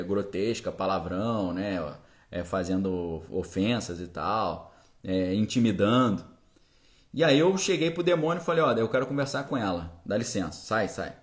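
Man telling a story casually. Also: medium pitch. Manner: conversational, checks in with listeners often. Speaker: podcast host and preacher. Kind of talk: spoken first-person storytelling.

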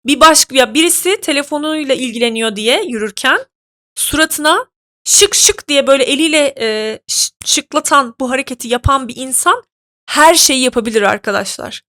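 A woman hosting a podcast, telling a story in an indignant, animated way with many fillers. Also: high-pitched, normal speed. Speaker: podcast host. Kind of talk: casual podcast monologue.

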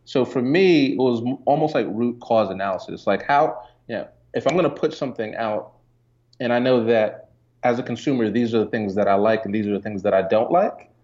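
With a mid-range voice and a fairly quick pace, a Jamaican man who is an entrepreneur and photographer speaks casually as an interview guest, filling his talk with fillers in a relaxed way. The recording sounds dull and lo-fi.

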